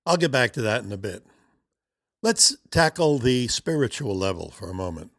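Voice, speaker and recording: A man teaching self-development in a measured, conversational way, often posing rhetorical questions to his listeners. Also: mid-range voice, no room sound, clean studio sound. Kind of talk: recorded instructional talk.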